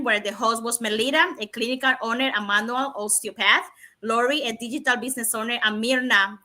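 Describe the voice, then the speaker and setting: Co-host from Cuba: woman, higher bright voice, upbeat and laughing. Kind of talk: livestream panel chat.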